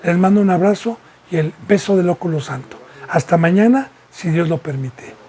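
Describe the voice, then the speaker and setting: A man's voice: high voice, animated, normal speed, a little mellow, a little hiss or hum. A man from Mexico, preaching a sermon as a pastor and asking repeated rhetorical questions. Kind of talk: sermon teaching.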